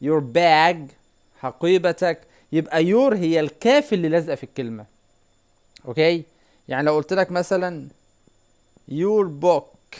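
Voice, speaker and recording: Egyptian man teaching English slowly. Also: a little high, expressive, darkish tone, clear, resonant tone. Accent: Egyptian Arabic. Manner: repeats words slowly and quizzes the viewer. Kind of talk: whiteboard language lesson.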